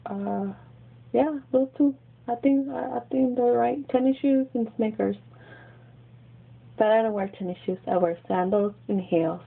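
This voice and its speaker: A young adult woman from Los Angeles, originally raised in Texas, chats into her webcam in a small bedroom with a Mexican American accent. Her voice is a little high, a little slow, and creaky, and she's giggly and chatty with a habit of repeating words. Recorded on the webcam's built-in mic, the audio is tinny and lo-fi.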